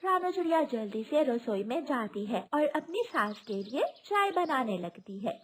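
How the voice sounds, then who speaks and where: A woman narrates a cartoon story in a scripted, expressive way. Her voice sits high and moves a lot in pitch. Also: normal speed. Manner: expressive, melodramatic.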